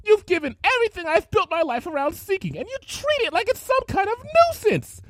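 A woman's voice: a little high, wildly swooping pitch, unhurried, no echo, studio quality, pitched above the performer's own voice, exaggerated voice. A woman voicing a cruel, vain female unicorn pony with an affected posh drawl. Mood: furious.

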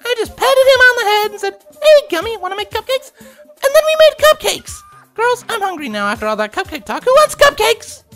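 A woman voicing a bubbly, rambling young female cartoon pony in a very high, loud voice. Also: faint music behind, heavily acted. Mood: hyper. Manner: rapid excited rambling.

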